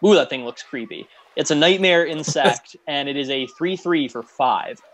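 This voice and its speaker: A man's voice: a little high, moderate pace, a bit bright. A man co-hosting a casual chat about game cards, blunt and sarcastic with frequent laughs. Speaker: co-host reviewing cards.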